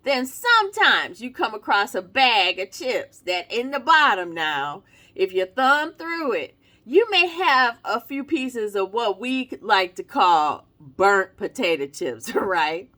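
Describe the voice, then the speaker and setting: Woman, bright tone, playful and teasing, laughs through her words, casual review vlog. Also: a little high, big pitch swings, takes it slowly. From North Carolina, US. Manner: playful, teasing, laughs often while talking. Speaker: marketing consultant reviewing a product.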